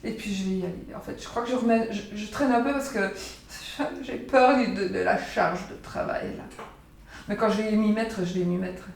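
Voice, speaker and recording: A woman's voice: mid-range voice, steady tone, normal speed, creaky. Rambling woman in an echoey kitchen. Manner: rambling, chatty, repeats herself and uses many fillers. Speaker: psychic vlogger presenting her oracle cards. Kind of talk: casual chat to viewers. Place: home kitchen. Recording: roomy echo, voice from far off the mic.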